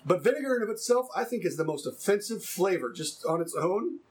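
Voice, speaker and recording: A man's voice: high voice, sing-song, brisk, slightly rough. A man co-hosting a podcast, chatting casually, often restarting words, playful. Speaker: podcast co-host. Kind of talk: casual chat.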